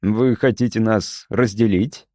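A man's voice: fairly low pitch, steady tone, measured pace, mellow, no room sound, clean studio sound, lightly acted. A man voicing a wary, terse male security officer. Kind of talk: audiobook character voice.

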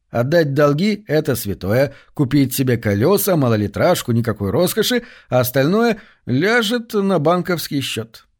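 A man narrating a short story at an even, measured pace. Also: on the high side. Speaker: audiobook reader. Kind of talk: scripted narration.

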